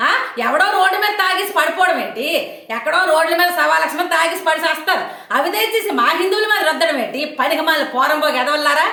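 Woman, very high bright voice, fast heated scolding rant, roomy echo. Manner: scolding, heated and insulting, with taunting questions. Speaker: online commentator. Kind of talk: angry rant to camera.

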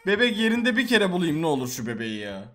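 A young man hosting a horror game video, reacting loudly with swearing and reading story text aloud. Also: high voice, very animated, fast. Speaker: gameplay video host. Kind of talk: excited horror game commentary.

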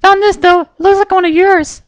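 A narrator voicing Pinkie Pie, a bubbly pink pony mare with a high, squeaky, giggly sing-song voice who hides a murderous streak. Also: fairly even intonation, fairly quick. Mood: cheery.

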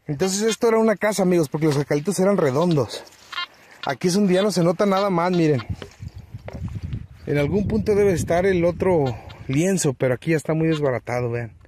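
Out in open countryside, a treasure-hunting vlogger chats casually to viewers while searching for old relics, often calling them his friends. His voice is on the high side and a little fast, with a noisy background.

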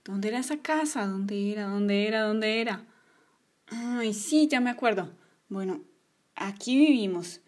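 A woman voicing an earnest young boy in a toy story, thinking aloud slowly. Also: medium pitch, expressive, a little mellow, voice pushed down, close to an everyday voice.

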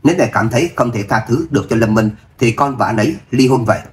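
A man voicing a dutiful young wife who pleads softly with her mother, in an audio novel reading. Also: medium pitch, quick pace, natural voice. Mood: pleading. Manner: soft pleading. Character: gentle dutiful young wife torn between family.

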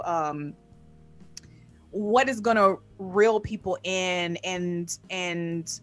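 A woman's voice: mid-range voice, fairly bright tone. A woman speaking as a podcast guest in casual interview chat, upbeat and emphatic, often repeating her key points. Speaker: podcast guest, music performer.

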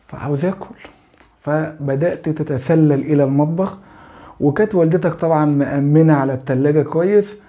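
A man with an Egyptian Arabic accent explaining a French grammar lesson, often checking that the student is following and slowly spelling out examples. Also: on the high side, warm tone. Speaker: French teacher.

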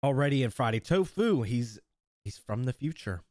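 A man's voice: mid-range voice, animated, normal speed, a little mellow, dry recording, studio quality. Chatty, laughing male live streamer. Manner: casual, chatty, laughs often, reads chat aloud. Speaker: streamer and host. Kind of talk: live stream chat and roleplay commentary.

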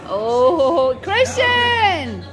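A woman's voice: very high voice, very animated, extremely slow, over music. A woman filming a family vlog on her phone, gushing with enthusiasm about everything around her. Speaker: vlogger and mother. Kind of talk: casual family vlog narration. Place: busy pub restaurant, indoors. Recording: crowd chatter in a busy pub.

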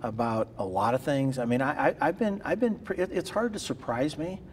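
There's slight background noise as a man in his sixties, a farmer philanthropist, is interviewed seated in a large machinery shed on his farm. His voice is mid-range and a little fast, and he answers earnestly, often repeating words as a thought gets going.

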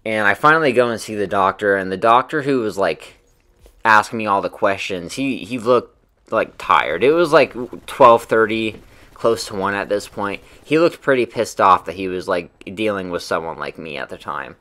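A man's voice: on the low side, moderate pace, bright, forceful tone. A young man casually telling a personal story in a loose, rambling way, full of fillers and swearing.

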